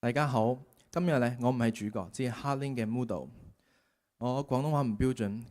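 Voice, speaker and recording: Casting: actor for an introverted male founder presenting at a launch, unassuming, relaxed mellow timbre. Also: medium pitch, lightly acted. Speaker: company founder. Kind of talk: stage presentation.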